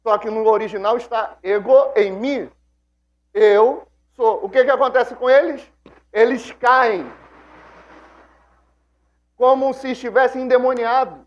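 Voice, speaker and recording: A man's voice: very high-pitched, a little slow, long pauses, muffled recording. A man teaching a Bible class like a sermon, acting out quoted speech and asking the class questions.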